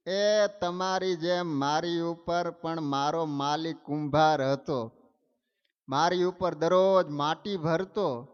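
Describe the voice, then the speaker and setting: A man's voice: high voice, smooth. A preacher voicing a cocky, idle male donkey who boasts to a horse. He speaks in a smug, persuasive way. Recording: dull, echoey hall sound.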